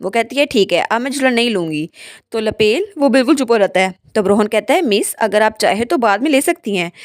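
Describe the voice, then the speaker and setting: A woman's voice: on the high side, lively intonation, brisk, no echo. A woman narrating in a dry, close voice. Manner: retells a comic story, briefly raising her voice for the characters. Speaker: storyteller. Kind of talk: casual story narration.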